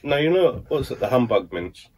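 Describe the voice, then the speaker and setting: A man's voice: medium pitch, very animated, moderate pace, a little mellow, slightly rough. A British man in his thirties bantering casually and chattily while eating jelly beans. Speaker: challenge host. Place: indoor room, seated at a small table.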